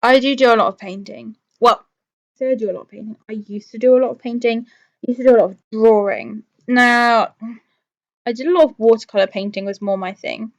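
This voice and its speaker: A woman's voice: fairly high pitch, fairly even intonation, fairly quick, lo-fi sound. A woman hosting a live stream with casual, rambling chat to viewers, thinking aloud and often talking herself round. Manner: rambling, thinking aloud, changes own mind.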